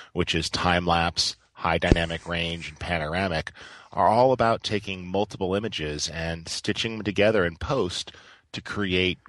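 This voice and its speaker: A man co-hosting a podcast, mellow and easygoing in casual chat. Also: low-pitched, no room sound. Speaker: podcast co-host.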